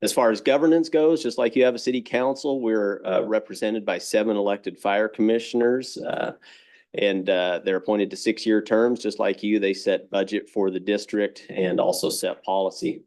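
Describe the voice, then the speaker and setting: Brisk low-voiced fire chief presenting. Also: male voice, steady tone, a little mellow. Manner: brisk, plain-spoken, figures-heavy. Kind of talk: public presentation. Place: council chamber.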